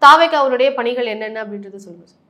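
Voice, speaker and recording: A woman reporter pushes an interview forward with pointed questions, talking quickly in a fairly high voice. She stays polite throughout, addressing her guest as sir. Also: animated, bright, forceful tone.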